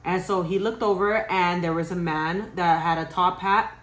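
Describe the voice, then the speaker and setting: Young woman, casual ghost-story vlog, lowish voice, roomy echo. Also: moderate pace. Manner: animated, swearing, laughing storyteller. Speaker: vlogger.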